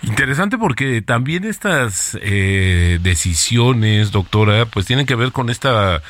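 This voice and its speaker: A man's voice: mid-range voice, big pitch swings, a little slow, fairly bright tone. A man, a radio interviewer asking long, winding questions with fillers.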